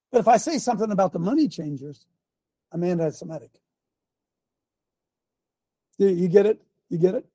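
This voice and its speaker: An older man hosting a show in a preachy commentary style, repeating his points and firing rhetorical questions, often clearing his throat. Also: high voice, warm tone, no room sound. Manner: emphatic, repeats lines, fires rhetorical questions. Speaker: show host.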